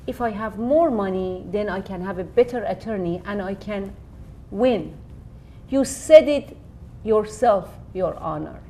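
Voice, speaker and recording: Woman playing earnest, slow-spoken mother in court. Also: mid-range voice, mellow, a little hiss or hum, close to an everyday voice, rough recording. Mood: challenging. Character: earnest immigrant mother defending herself in court. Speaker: actor playing a defendant. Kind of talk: acted courtroom drama dialogue.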